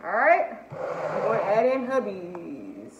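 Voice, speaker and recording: A woman's voice: medium pitch, very animated, takes it slowly. A woman hosting a casual food challenge vlog, chatting to viewers. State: teary from spicy food. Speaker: vlogger. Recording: roomy, slightly dull, faint noise.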